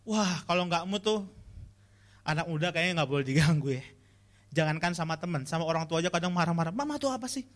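Man, casual youth sermon, chatty slangy delivery, slightly high pitch. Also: quick pace, a bit bright. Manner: chatty, slangy, pleading refrains to the audience. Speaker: youth preacher.

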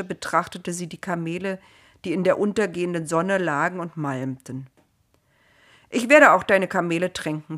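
Woman, low-ish voice, calm storyteller, gentle reading of a Bible story.

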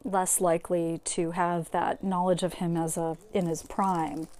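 A woman's voice: lowish voice, flat delivery, a little slow, a little mellow, dry recording. A woman talking casually as a podcast host, opinionated and conversational, with plenty of fillers as she recaps a documentary. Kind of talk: casual chat.

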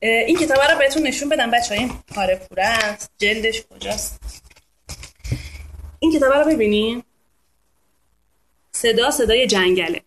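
A woman's voice: fairly high pitch, animated, long pauses, noisy background. A woman hosting a casual live talk for an online audience, speaking in a chatty, playful way and now and then imitating animal sounds. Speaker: host of a live talk on reading to babies.

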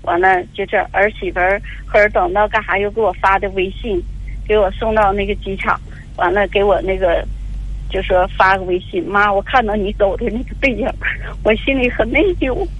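A woman's voice: medium pitch, fairly even intonation, a little fast. Older woman on phone. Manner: tearful, rambling storytelling with many fillers. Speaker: caller. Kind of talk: call-in advice radio. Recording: dull lo-fi phone line.

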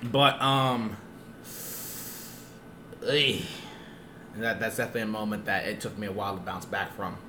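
A young man casually telling a funny story on a podcast, animated and quick to act out other people's lines. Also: slight background noise. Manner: animated, acts out quotes in high squeaky voices. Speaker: podcast co-host.

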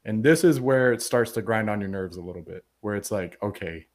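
A man with a lowish voice runs through a film's plot on a casual podcast. He talks loosely and rambles, swears constantly and slips into quoted lines from the characters. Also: brisk, a little mellow. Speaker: podcast host. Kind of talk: casual movie recap podcast.

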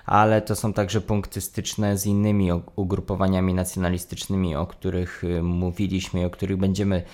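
Male discussion host, low-pitched, structured and guiding. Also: little pitch movement, a little fast, a little mellow. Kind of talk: moderating a discussion.

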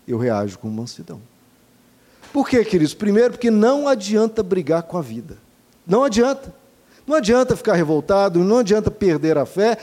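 Brazilian pastor preaching, mellow high voice. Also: male voice, animated, brisk. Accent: Brazilian Portuguese. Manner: earnest, asks the congregation rhetorical questions and stacks repeated phrases. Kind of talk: sermon.

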